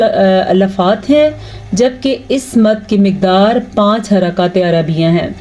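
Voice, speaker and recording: Mellow-voiced woman teaching recitation. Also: on the high side. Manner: patient, checks understanding with repeated "okay?"; breaks into slow drawn-out recitation to demonstrate. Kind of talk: explanatory tajweed lesson.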